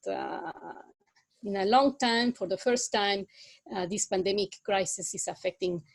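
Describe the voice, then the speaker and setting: A middle-aged woman from Guatemala City, a native Spanish speaker with a Guatemalan accent, giving an online guest lecture in a halting way with many "uh"s. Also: medium pitch, low-quality recording. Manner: halting, many filler sounds.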